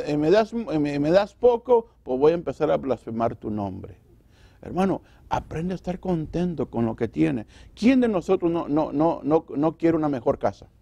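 A man's voice: on the high side, animated, normal speed, creaky, mellow, no echo. A man preaching a sermon as pastor in a church, asking rhetorical questions and acting out what people say. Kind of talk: Spanish sermon.

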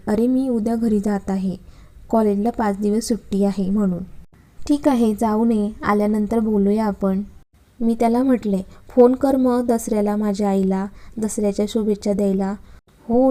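A woman calmly reading a first-person love story aloud, with a Marathi accent. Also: medium pitch. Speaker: narrator.

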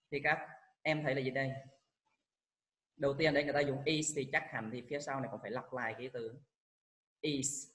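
A man's voice: medium pitch, a bit bright, poor audio. Vietnamese male teacher explaining test answers. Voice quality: reads English answer words slowly and explains them in Vietnamese. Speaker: high school English teacher. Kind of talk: exam walkthrough lesson.

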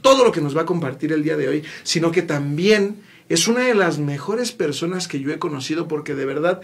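A man's voice: a little high, expressive, fairly quick, gravelly, husky. A young man with a Mexican accent hosting a TV talk show in a studio, effusive and full of praise for his guest. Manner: warm, effusive, repeats "mi queridísimo". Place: small bright TV studio.

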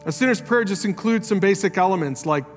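A man preaching a sermon as pastor, earnest, climbing high for emphasis and dropping low and soft. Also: expressive, fast. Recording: live church sermon with long hall reverb and faint music.

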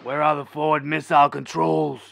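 A man playing Batman as a gruff, blustering and clueless superhero with a gravelly voice. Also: on the high side, flat delivery, moderate pace, heavy background noise.

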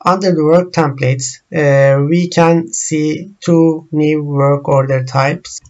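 A man whose first language is Turkish, walking through software screens in a slow, halting tutorial full of pauses and fillers. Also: fairly high pitch, steady tone, highs cut off. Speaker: software trainer.

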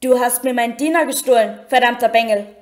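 A woman's voice: fairly high pitch, normal speed, darkish tone, close to an everyday voice. A woman voicing a cold, haughty aristocratic wizard who hisses his words with contempt. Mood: cold, contemptuous. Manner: hissing, contemptuous.

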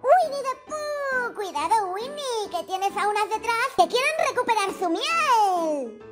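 A woman's voice: very high-pitched, expressive, a little slow. A woman voicing a cheery hoofed female cartoon mascot with a Spain Spanish accent, hosting an emoji guessing quiz in a bubbly, sing-song, exclaiming way. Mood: excited. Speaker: quiz host. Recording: music bed under voice. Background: children's music.

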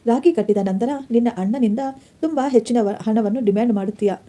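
A woman's voice: a little high, brisk, warm tone, natural voice. A woman voicing a spiteful sister-in-law. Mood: accusing.

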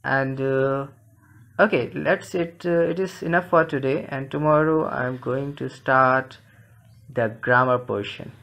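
A male language teacher giving a classroom lesson, slow and deliberate, repeating phrases for learners. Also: medium pitch, steady tone, creaky, fairly bright tone. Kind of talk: classroom lesson, reading a textbook dialogue aloud.

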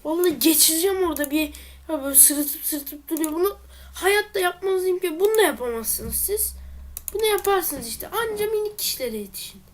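High-voiced woman grumbling through a game. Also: animated, normal speed. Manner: frustrated, exclaiming and muttering at the game. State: stuffy nose. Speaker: let's player. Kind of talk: let's play commentary.

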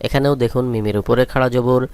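A man's voice: medium pitch, fairly even intonation, quick pace, a little mellow, clear, resonant tone. A man teaching Quran reading, spelling out letters and vowel marks one at a time and then drawing out each chanted word. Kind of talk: slow spelling-out lesson with translation.

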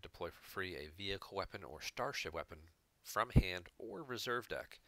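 A man with a low, crisp and forceful voice walks through a card game match play by play. He sounds analytical and methodical, explaining each move. The recording is dry and close, with no room sound. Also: no echo. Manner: analytical, explains plays step by step. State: hiccups. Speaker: game reviewer. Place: home room.

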